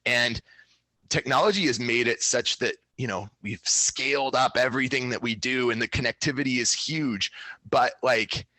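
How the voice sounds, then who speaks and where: Bright-voiced man, loose and chatty. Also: medium pitch, moderate pace, no room sound. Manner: thoughtful, loose, many fillers and restarts. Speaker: startup founder and guest. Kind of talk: casual interview talk.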